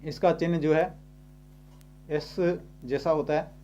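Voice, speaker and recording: A man's voice: a little high, steady tone, darkish tone, muffled recording, slight background noise. A man teaching a grammar lesson, explaining step by step and repeating points as he goes. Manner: repeats and rephrases slowly.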